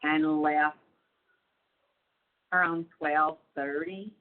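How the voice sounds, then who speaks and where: A woman's voice: low voice, fairly even intonation, very slow. A woman talking on a prison payphone call, rambling casually with many fillers. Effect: heard over a prison payphone call. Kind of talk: casual phone chat. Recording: tinny phone line.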